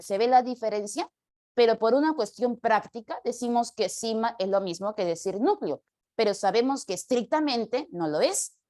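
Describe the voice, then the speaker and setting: A woman's voice: fairly high pitch, a little mellow. A woman teaching a grammar class, explaining step by step and asking the students questions. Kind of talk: classroom lecture.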